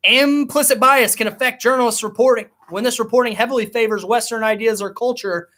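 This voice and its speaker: A man's voice: extremely high pitch, fairly even intonation, brisk, a bit bright. A man hosting a live school trivia game, reading out questions and answers with an upbeat announcing manner. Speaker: trivia host.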